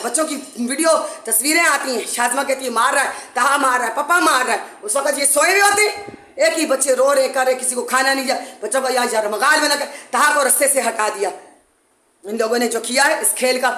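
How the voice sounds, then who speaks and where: Woman, high voice, urgent accusing appeal, echoey room at home. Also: sharp tone. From Pakistan. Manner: urgent, accusing, repetitive pleading. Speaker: mother making a public appeal. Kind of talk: impassioned complaint to camera. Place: her home, indoors.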